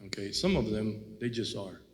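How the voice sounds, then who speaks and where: A man's voice: lowish voice, expressive, normal speed, in a large hall. A man co-hosting a casual faith talk, reflective and rambling, with many "you know"s. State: has the hiccups. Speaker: co-host.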